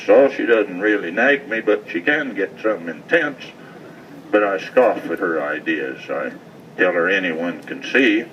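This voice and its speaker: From some way off the mic, with slightly dull sound, comes a man reciting cowboy poetry at a live event. His voice sits fairly low. He speaks in a folksy cowboy drawl with a rural accent of the American West. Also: fairly bright tone. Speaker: cowboy poet, rancher. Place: festival stage, live event. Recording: distant mic, muffled, noisy event sound.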